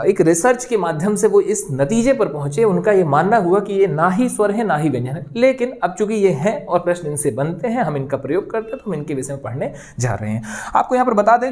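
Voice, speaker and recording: A man's voice: high-pitched, a little mellow. A man teaching an exam-prep grammar lesson. He explains step by step in a reassuring way and keeps checking that his students are following. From India. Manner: reassuring, repeats "okay" and "friends" often.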